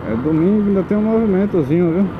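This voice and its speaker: A man's voice: high-pitched, expressive, fast talker. Gritty old-mic man riding. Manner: grumbling, swears about traffic. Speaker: motorcycle vlogger. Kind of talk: casual running commentary while riding. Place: riding through city streets at night, outdoors. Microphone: old mic hidden in helmet. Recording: dull lo-fi helmet mic, loud traffic noise.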